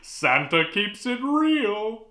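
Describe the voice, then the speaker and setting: A man's voice: high-pitched, very animated, drawn-out words, sharp tone, roomy sound, full character voice. A man playing a jolly, blunt, boastful old Father Christmas in a comedic horror host interview. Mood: boastful, merry. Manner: jolly chuckling, speaks of himself grandly.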